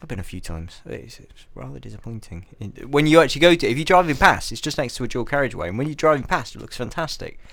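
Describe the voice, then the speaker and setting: A man's voice: medium pitch, very animated, fast, creaky, hardly any pauses, a bit bright, no echo. An English man presenting a community radio show, chatting and teasing his co-host in casual banter. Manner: teasing, chatty, trails off often.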